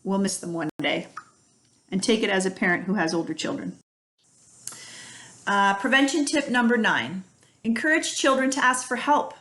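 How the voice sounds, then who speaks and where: A woman's voice: mid-range voice, a bit bright. A middle-aged woman speaks as an early childhood educator, guiding parents through practical tips. Her delivery is friendly and down-to-earth, and she explains each idea with everyday examples. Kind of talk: instructional talk to parents.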